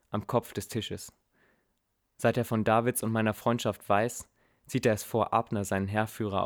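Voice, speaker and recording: A man's voice: lowish voice, creaky. A man narrating a dramatic story in the first person, earnest and reflective, with blunt casual swearing.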